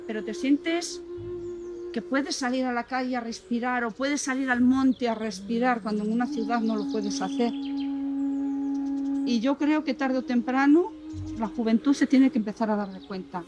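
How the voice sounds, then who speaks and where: Higher-voiced woman in a casual interview. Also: moderate pace, music in the background. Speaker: documentary interviewee. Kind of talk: spontaneous interview talk.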